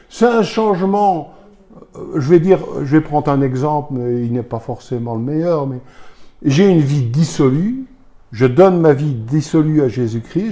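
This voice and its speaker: Here a Belgian French-accented preacher uses a mid-range voice with a dark tone. He presses the congregation hard, hurling rhetorical questions at them with emphasis.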